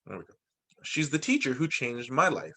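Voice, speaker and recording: Reading a picture book to his young students, a teacher uses a husky, medium-pitched voice at normal speed. He brings animation and expression to it, tossing in small asides while he explains and checks in with the children.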